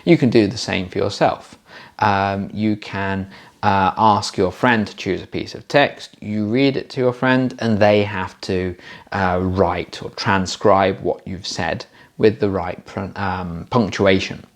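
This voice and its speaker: A man's voice: low-pitched, fairly even intonation, measured pace. A man teaching exam pronunciation in a patient, explanatory way, showing how stress and intonation work. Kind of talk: explanatory lesson.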